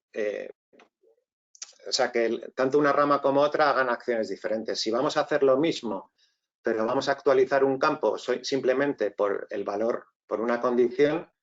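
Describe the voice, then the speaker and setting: A man's voice: medium pitch, muffled recording. A man with a Spain Spanish accent presenting an online tech tutorial, explaining step by step and often checking in with the audience. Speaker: webinar presenter.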